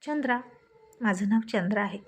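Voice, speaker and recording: A woman's voice: medium pitch, animated, moderate pace, a little mellow, husky. A woman doing a timid, frightened young bride.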